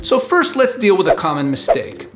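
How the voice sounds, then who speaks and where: A man speaking as a rabbi in a scripted explainer, teaching in a clear, didactic, step-by-step manner. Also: sits high, sing-song, normal speed, noisy background. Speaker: rabbi answering questions. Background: background music.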